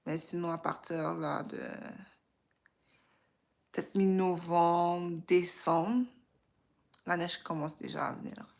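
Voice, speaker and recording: A livestream host from Quebec, Canada, this woman speaks casually and thoughtfully in a Québécois French accent, unhurried and thinking as she goes. Her voice is lowish, creaky and somewhat dark, with fairly even intonation.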